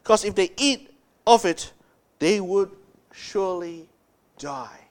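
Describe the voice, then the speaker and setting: A man preaching a sermon as pastor, speaking emphatically and dropping low and soft to stress key words. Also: expressive, slow.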